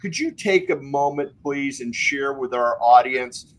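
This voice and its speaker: A man's voice: mid-range voice, measured pace, rough recording. A man hosting a live-streamed charity auction as the auctioneer, with a mid-range voice. He talks in an upbeat, encouraging, showman-like way. He sounds like he is coming through a video call. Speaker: auctioneer and co-host. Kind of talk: live-streamed fundraiser chat.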